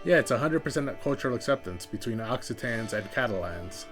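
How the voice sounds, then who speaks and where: A man's voice: mid-range voice, expressive, brisk, over music. A man streaming a strategy game live, thinking aloud and second-guessing his choices in a casual way.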